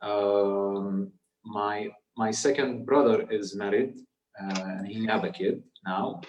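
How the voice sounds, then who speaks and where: A man in his late twenties with a Palestinian Arabic accent, a tour guide telling his personal story on a video call, halting, with many fillers and restarts. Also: lowish voice, fairly even intonation, darkish tone, distant mic, muffled recording, slight background noise. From Jordan, Palestinian family. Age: 20s. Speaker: tour guide and guest speaker. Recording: echoey room, off the mic.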